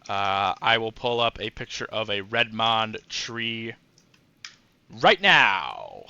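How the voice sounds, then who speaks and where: A man's voice: on the low side, flat delivery, measured pace, bright, forceful tone, clear, resonant tone, no echo, dull audio. A man giving casual commentary while playing a strategy game, musing aloud with frequent fillers. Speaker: gameplay commentator.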